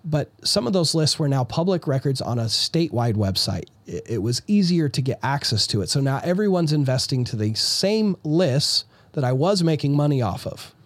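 A man's voice: fairly high pitch, sing-song, moderate pace, hardly any pauses, no room sound. A man telling his business story as a guest in a casual interview, talking energetically and often restarting his phrases. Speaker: real estate investor guest.

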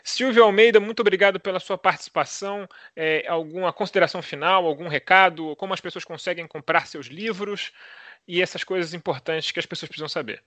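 Man, podcast host, bright voice, dry close sound, upbeat, promoting the show. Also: high voice, brisk, no room sound. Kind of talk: podcast sign-off.

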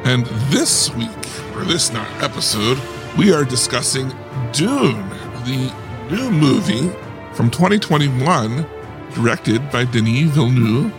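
Gravelly easygoing male podcast host. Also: medium pitch, big pitch swings, slow pace, over music. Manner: easygoing, laughing, leads the talk. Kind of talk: casual podcast chat.

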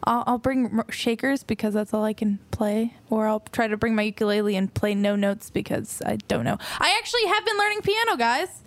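A woman's voice: fairly high pitch, expressive, fairly quick, few pauses, no echo. A woman chatting casually on a podcast, rambling through stories.

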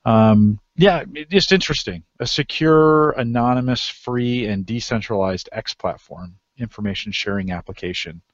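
A man's voice: mid-range voice, moderate pace, hardly any pauses, dry recording, lo-fi sound. A man hosting a casual discussion, talking in loose, rambling sentences full of restarts and fillers. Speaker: podcast host.

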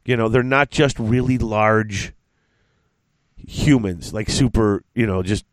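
A man's voice: on the low side, dry recording. Congested man rambling on a podcast. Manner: rambling, halting, many restarts. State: congested from a cold. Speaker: podcast host. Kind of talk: casual podcast chat.

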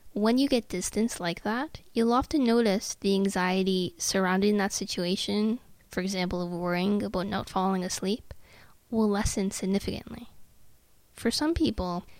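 A woman podcast host and therapist, talking slowly and soothingly as she guides listeners through relaxation exercises, sometimes dropping to a hushed voice. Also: mid-range voice, no echo. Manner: slow, soothing, calm guidance, drifts into hushed tones.

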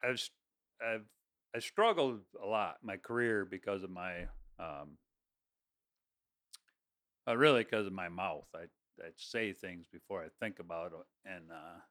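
Speaking slightly slowly with long pauses, this interview guest has a low, somewhat bright voice. He chats about his construction and plant project work in a relaxed conversation, often restarting sentences and laughing readily as he rambles.

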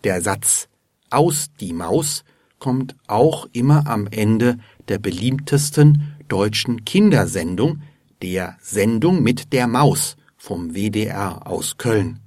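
A man narrating a scripted language lesson, explaining words in a measured way and spelling some of them out letter by letter. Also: lowish voice, expressive, a little mellow, no echo, clean studio sound. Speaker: language teacher.

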